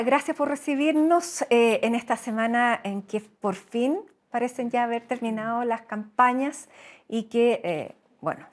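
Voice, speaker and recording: A Chilean woman TV interviewer asks long, carefully framed questions that push for answers. Her voice sits fairly high.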